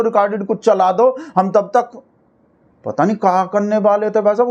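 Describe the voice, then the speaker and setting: A man's voice: high-pitched, darkish tone. A man giving comic, mocking commentary on news clips, chatty and full of asides. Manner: mocking, chatty, repeats "bhai sahab". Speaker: satirical commentator.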